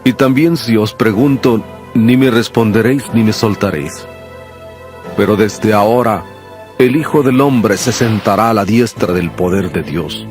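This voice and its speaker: A man playing a solemn, sorrowful yet authoritative Jesus in a dramatized audio Bible, speaking deliberately. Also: on the low side, darkish tone, close to an everyday voice. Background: music.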